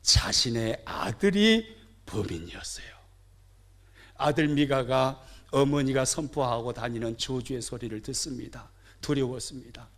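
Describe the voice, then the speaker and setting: A man preaching a sermon as pastor, swinging between loud outbursts and soft asides, questioning and joking with his congregation. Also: mid-range voice, expressive, measured pace. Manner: asks the congregation questions and jokes with them. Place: church sanctuary.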